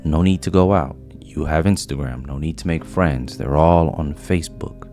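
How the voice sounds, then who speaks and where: A man narrating a scripted video essay in a measured, reflective way. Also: a bass voice, mellow. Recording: faint music behind voice.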